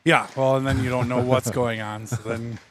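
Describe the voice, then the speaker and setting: A man in a hockey broadcast, talking casually beside the play-by-play voice in a middling pitch. He sounds relaxed, mostly tossing in short agreeing replies between plays. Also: moderate pace, a little hiss or hum. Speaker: color commentator.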